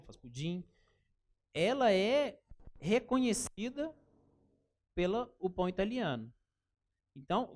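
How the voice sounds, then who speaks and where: Lively Brazilian man teaching a workshop. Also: sits high. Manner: animated, chatty, keeps calling the audience "gente" and telling anecdotes. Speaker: workshop instructor. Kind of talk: live workshop talk to an audience.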